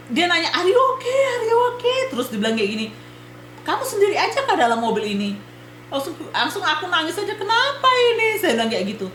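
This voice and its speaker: A woman from Indonesia, vlogging an animated personal story and talking straight to her viewers as friends. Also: on the high side, roomy sound, a little hiss or hum. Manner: animated, retells events while addressing viewers as friends. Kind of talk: casual storytelling vlog.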